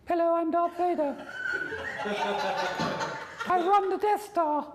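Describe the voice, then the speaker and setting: A squeaky, giggly space villain. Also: male voice, takes it slowly, very noisy. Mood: silly. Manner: comic, giggly. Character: silly high-voiced space villain. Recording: long hall reverb.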